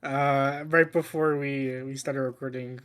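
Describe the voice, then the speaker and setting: A tipsy podcast host, drinking on the show, co-hosts a casual movie podcast, rambling and repeating himself while bantering about films and letting slip the odd swear word. His mid-range voice is clean and fairly bright, with a flat delivery and a measured pace.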